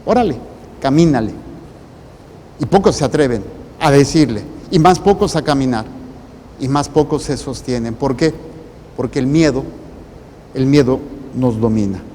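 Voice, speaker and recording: Male priest, Mexican accent, mellow tone, deliberate phrasing, long reverb and faint noise. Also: medium pitch. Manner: deliberate, in short broken phrases with pauses. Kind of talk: preaching a sermon.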